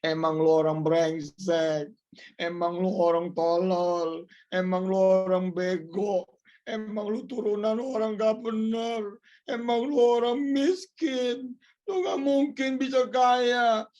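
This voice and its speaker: A man voicing a scornful mocker who hurls insults in a raised, shouting voice well above his usual pitch. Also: steady tone, slow pace, muffled recording. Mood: taunting. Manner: shouted, high and taunting.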